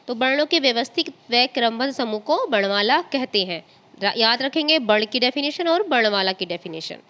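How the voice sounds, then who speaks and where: A woman's voice: fairly high pitch, a bit bright. A woman teacher with an Indian accent giving a recorded lesson to young pupils, patiently spelling out sounds. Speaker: school teacher.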